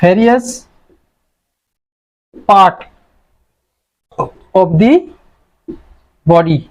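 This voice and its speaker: A man's voice: high-pitched, extremely slow, a little mellow, highs cut off. A man lecturing on medicine in a classroom style, with a Bengali accent, who asks questions and then answers them himself. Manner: explains terms, asks and answers own questions.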